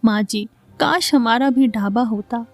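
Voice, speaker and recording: A woman voicing an eager, dreamy young daughter-in-law who speaks with excitement. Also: a little high, a little slow, no echo.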